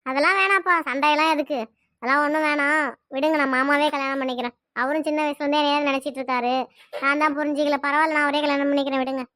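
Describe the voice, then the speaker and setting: A woman voicing a tearful, resigned young adult daughter in a cartoon, speaking in Tirunelveli Tamil with sad, pleading, quick talk. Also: high voice, steady tone, bright, forceful tone, no room sound, studio quality. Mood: upset. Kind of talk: cartoon dialogue.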